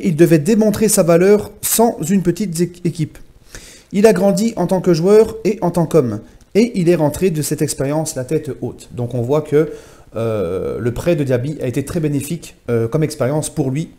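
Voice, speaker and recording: Male vlogger with a mellow, fairly high voice, casual chatty football news recap. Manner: chatty, addresses viewers as friends, many fillers. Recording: home vlog.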